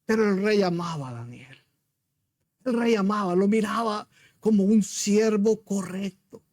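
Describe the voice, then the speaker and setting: A man's voice: high voice, unhurried, a little mellow, dry recording, studio quality. A man preaching a sermon as pastor, retelling a story with emphasis and rhetorical questions to his congregation.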